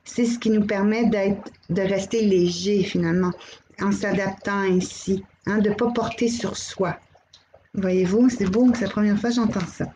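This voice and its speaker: A middle-aged woman with a Québécois accent, hosting a live channeling stream, gently relaying messages and greeting viewers by name. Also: medium pitch, steady tone, moderate pace, slight background noise, rough recording. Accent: Québécois French. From Quebec.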